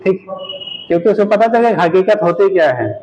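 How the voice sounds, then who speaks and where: A man's voice: sits high, lively intonation, normal speed, a little mellow, dull audio, slight background noise. A male physics teacher giving a classroom lecture, addressing his students as "beta" and repeating his questions for them to answer.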